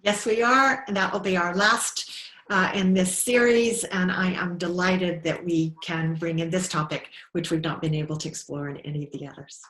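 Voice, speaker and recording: A woman co-hosts an online panel and speaks with earnest warmth. Her voice sits a little low for a woman. The sound is roomy and echoey, as if picked up by a call mic in a bare room. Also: steady tone, normal speed. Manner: earnest and warm in thanks. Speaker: author and co-host.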